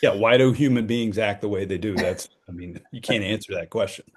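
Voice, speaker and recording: A middle-aged man co-hosting a casual podcast, calmly moving through the topics. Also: lowish voice, a little fast. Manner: relaxed, runs the topic list. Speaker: podcast co-host. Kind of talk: casual chat.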